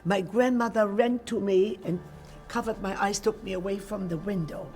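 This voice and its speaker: Older woman, from Eastern Europe, warm dark tone, measured plain storytelling. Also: medium pitch, steady tone, faint music behind. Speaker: Holocaust survivor giving testimony. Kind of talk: archival testimony interview.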